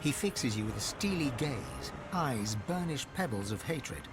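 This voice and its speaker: An actor playing a solemn, dramatic storyteller narrating a video game. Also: male voice, medium pitch, sing-song, a little slow, music in the background.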